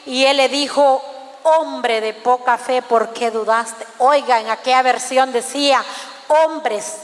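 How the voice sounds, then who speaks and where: A woman's voice: high voice, in a large hall. A woman preaching a fervent sermon, calling out to the congregation again and again. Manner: fervent, repeatedly addressing the congregation as brothers.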